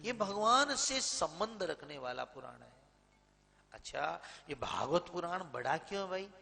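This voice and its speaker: A man preaching a slow, emphatic sermon with a light tinge, retelling devotional stories and rising into chanted verse. His voice sits fairly high with a gravelly, bright edge. The sound carries the long reverb of a large hall. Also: big pitch swings. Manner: dramatic storyteller, slow and emphatic, swells loud when sung. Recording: reverberant hall, slightly distant.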